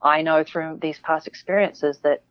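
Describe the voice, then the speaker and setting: A woman speaks in a low voice, reflective and unhurried, circling back through restarts and fillers. She is a guest on a casual interview podcast. The sound is dry and somewhat dull, like a lo-fi remote recording. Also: fairly even intonation, no echo.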